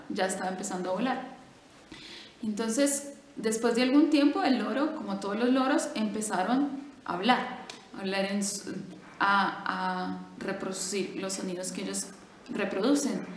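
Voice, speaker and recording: A woman telling a story in a lively, conversational way, with fillers and restarts. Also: mid-range voice. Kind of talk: casual storytelling. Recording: echoey room with faint noise.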